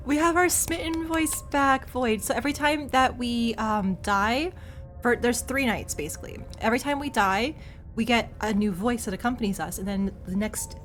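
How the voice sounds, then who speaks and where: A woman's voice: fairly high pitch, fairly bright tone. A woman doing casual, playful commentary as she streams a game, chatting and reacting aloud. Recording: faint music behind the voice.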